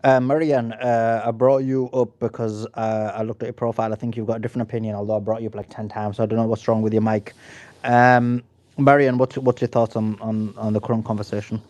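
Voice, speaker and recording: A man hosting an online audio debate, firm and measured as he calls on speakers and reproves them. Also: fairly low pitch, level tone, a little mellow. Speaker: host.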